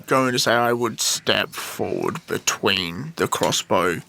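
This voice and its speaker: A man plays a tabletop game and calmly states what his character does. His pitch rises and falls in a lively way as he talks. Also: slow, creaky. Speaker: player. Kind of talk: tabletop role-play.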